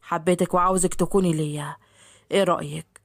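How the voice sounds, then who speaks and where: A woman doing a pushy, smooth-talking rich playboy with an Egyptian accent. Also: lowish voice, fairly even intonation, fairly quick, no echo, studio quality. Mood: coaxing. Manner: coaxing, smooth and persuasive.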